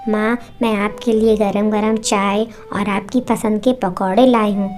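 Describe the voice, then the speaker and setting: A woman voicing a gentle young daughter-in-law who speaks softly and meekly. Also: mid-range voice, little pitch movement, measured pace, soft background music, lightly acted. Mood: soothing. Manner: soft, meek, soothing.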